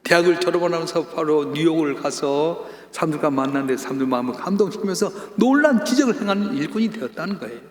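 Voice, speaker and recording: A male pastor giving a Sunday sermon, telling a story at length and then building into loud, emphatic calls to the congregation. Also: a little high, animated, fast, hardly any pauses. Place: church sanctuary. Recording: echoey church hall with long reverb.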